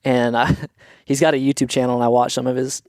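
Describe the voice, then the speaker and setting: A man's voice: medium pitch, flat delivery, a little fast, a little mellow, clear, resonant tone, no room sound, clean studio sound. A man from Atlanta co-hosting a podcast in easygoing, rambling casual chat. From Atlanta, USA. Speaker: podcast co-host.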